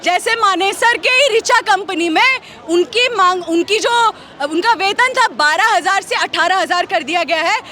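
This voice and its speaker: A woman's voice: extremely high pitch, measured pace, hardly any pauses, sharp tone. A woman factory worker at an outdoor protest, stating her demands in a plain-spoken, pleading way. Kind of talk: street interview. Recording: crowd noise on a city street.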